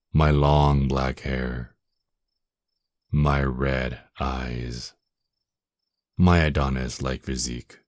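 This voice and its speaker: A man playing a very deep, slow vampire lord. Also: no room sound, clean studio sound, heavily acted. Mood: haughty, commanding. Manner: slow, possessive, mock-tender, taunting. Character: dominant, seductive, menacing male vampire lord. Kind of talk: ASMR roleplay, intimate scripted monologue.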